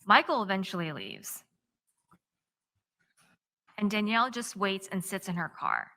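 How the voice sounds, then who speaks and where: A woman defense attorney giving a courtroom opening statement, recounting events step by step in a measured present-tense narration. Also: mid-range voice, sing-song, bright, forceful tone.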